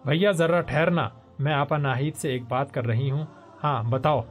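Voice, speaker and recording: An eager, shy young woman, voiced by a male narrator, pleads in a raised, lifted voice. The storybook delivery is tearful and earnest, a little louder than plain narration. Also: a little high, fairly even intonation, soft background music, natural voice. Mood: pleading.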